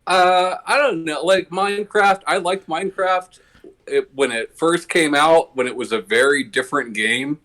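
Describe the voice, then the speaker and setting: A man's voice: a little high, normal speed, sharp tone. A man in his late thirties, a podcast host, chatting casually in a laid-back, rambling way. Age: late 30s. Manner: laid-back, rambling with frequent "you know". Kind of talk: casual chat.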